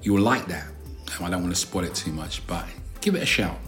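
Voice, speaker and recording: A man with a lowish voice and a South London accent. He talks casually, stretching his words in a slangy local way. There is faint music behind his voice. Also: animated, fairly quick, a bit bright. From South London, England. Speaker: co-host of a couple's vlog. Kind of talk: casual chat.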